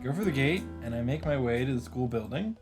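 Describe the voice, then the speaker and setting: Over loud visual novel background music, a man plays through the game, voicing its narration and tossing in dry, offhand comments. He speaks at medium pitch, animated and a little fast, as a let's player.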